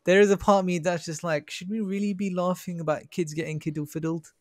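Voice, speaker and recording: A man co-hosting a podcast in casual chat, hedging a lot and quick to laugh. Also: high voice, steady tone, no room sound, studio quality. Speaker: podcast co-host.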